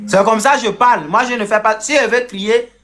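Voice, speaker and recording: A man as a guest on a casual live chat, talking loudly and insistently. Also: high voice, a little hiss or hum. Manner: loud, insistent.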